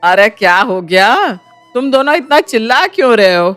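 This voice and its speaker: A woman voicing a kind-hearted middle-aged mother-in-law in a cartoon story, gentle and affectionate as she scolds. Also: on the high side, sing-song, normal speed, smooth, soft background music. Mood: scolding. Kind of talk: cartoon voice acting.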